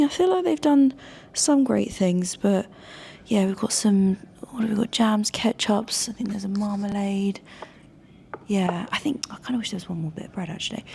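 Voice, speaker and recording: A woman, casually reviewing a hotel stay in a chatty, candid vlog from her hotel room. She often slips into soft, near-whispered asides. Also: medium pitch, vocal fry, slight background noise. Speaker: hotel and food reviewer, channel host. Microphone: small wireless clip-on mic.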